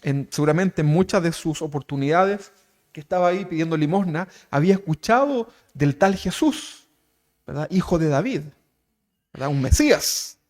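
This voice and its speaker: A man preaching a conversational sermon as pastor, animated and constantly asking his listeners questions. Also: fairly high pitch, moderate pace.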